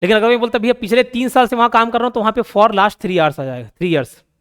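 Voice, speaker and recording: A young man with a Hindi accent teaching grammar, explaining patiently, repeating key points and reading English example sentences slowly. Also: sits high, fairly bright tone, smooth. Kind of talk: grammar lesson.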